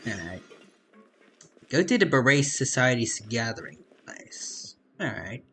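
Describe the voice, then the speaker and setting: A man's voice: medium pitch, big pitch swings, unhurried, sharp tone, slight background noise. A man streaming a game, making casual joking comments and reading chat aloud. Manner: joking asides, reads chat. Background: faint game music.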